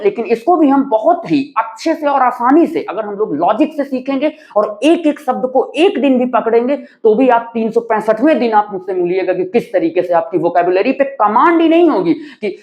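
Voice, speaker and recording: A man's voice: high voice, darkish tone, dull audio. Guy teaching word roots, keeps asking right?, voice goes up and down a lot. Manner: keeps checking with a rising "right?"; mixes in English terms while teaching. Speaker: vocabulary teacher. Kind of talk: explanatory video lesson.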